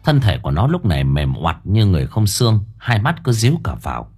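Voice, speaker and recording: A man narrating an audiobook in a dramatic, expressive storytelling manner. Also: fairly low pitch, fairly quick, slightly rough.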